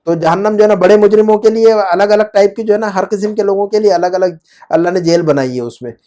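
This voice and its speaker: A man's voice: sits high, mellow. A man teaching Arabic grammar in Urdu, explaining patiently and often asking his student check-up questions.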